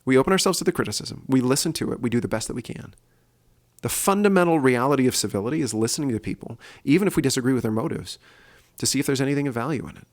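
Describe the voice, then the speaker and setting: A man's voice: mid-range voice, lively intonation, rapid-fire, darkish tone. A man hosting his own solo podcast, speaking earnestly and thinking aloud with fillers and restarts. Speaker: podcast host.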